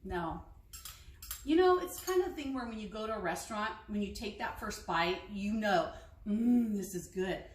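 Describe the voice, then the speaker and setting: A woman's voice: medium pitch, expressive, normal speed. A woman taste-testing recipes in a casual kitchen vlog, chatty and frank with hesitant asides. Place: home kitchen. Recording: echoey kitchen, clinking dishes.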